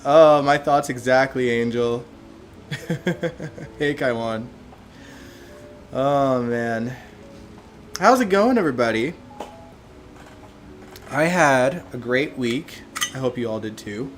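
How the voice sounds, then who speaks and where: A man's voice: mid-range voice, expressive, slow, long pauses, faint music behind. A man hosting a soap opera after show in a casual livestream chat, talking with a stuffed-up nose from allergies, laughing often and greeting viewers by name. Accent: Canadian.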